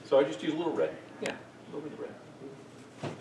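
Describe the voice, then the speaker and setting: A middle-aged man instructing a group in a hands-on demonstration, relaxed and joking as he works. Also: on the high side, brisk. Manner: relaxed, jokey, talks while working. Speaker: first aid instructor. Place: room with participants. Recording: echoey room, distant mic, noisy.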